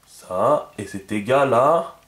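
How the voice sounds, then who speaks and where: A man's voice: medium pitch, animated, takes it slowly, fairly bright tone, reverberant. A man giving a casual spoken lesson, thinking aloud with many fillers and repeated words, often checking that his listeners follow. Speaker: teacher.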